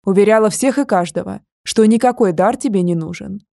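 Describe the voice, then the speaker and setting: A woman's voice: medium pitch, a little fast, gravelly, dark tone, no echo, clean studio sound, close to an everyday voice. A woman voicing a young male dragon who presses his point urgently and insistently.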